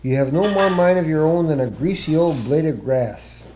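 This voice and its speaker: A man's voice: on the high side, lively intonation, normal speed, noisy background, natural voice. A man voicing an impatient female rat who scolds her nephew. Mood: scolding.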